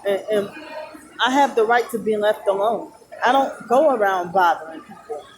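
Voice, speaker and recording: A tired, sleep-deprived woman rambles haltingly in a personal vlog, sounding like she is working to stay awake. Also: mid-range voice, music in the background. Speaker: vlogger. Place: loud indoor shopping mall. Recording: noisy mall ambience behind voice. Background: loud talking and mall noise.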